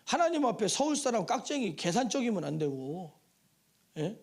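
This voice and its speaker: A male pastor delivering a sermon in a church, his voice sitting high and swinging widely in pitch. He preaches in a loose, chatty way and keeps turning to the congregation with rhetorical questions. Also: moderate pace. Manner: lively and conversational, with rhetorical questions and asides to the congregation. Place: church sanctuary.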